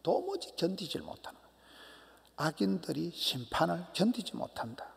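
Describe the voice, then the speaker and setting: A middle-aged man, a pastor, preaching a sermon emphatically, swinging from loud cries to hushed near-whispers. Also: fairly high pitch, sing-song, moderate pace, creaky. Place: church sanctuary. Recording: long church hall reverb.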